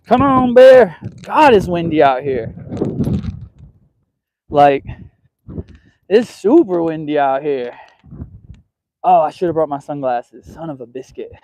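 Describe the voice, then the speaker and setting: A man with a high, light voice talks slowly and loosely to his live viewers while walking a dog outdoors. He exclaims about the wind and calls after the dog. A faint hiss of wind runs under his voice from a covered mic. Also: lively intonation, mellow, poor audio. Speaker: livestream host. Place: outdoors on a windy trail. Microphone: mic with a wind cover, handheld while walking. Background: wind noise.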